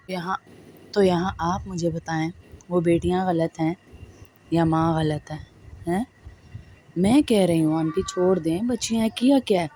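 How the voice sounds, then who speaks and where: A woman's voice: on the low side, dark tone, a little hiss or hum. A woman with a Pakistani Urdu accent giving a religious talk to women, emphatic and scolding, often asking her listeners questions. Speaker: preacher.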